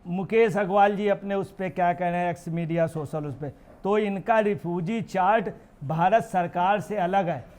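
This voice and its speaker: Man, high-pitched, heated political commentary, rhetorical questions. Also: moderate pace, a little mellow. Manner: emphatic, rhetorical questions, mocking impressions.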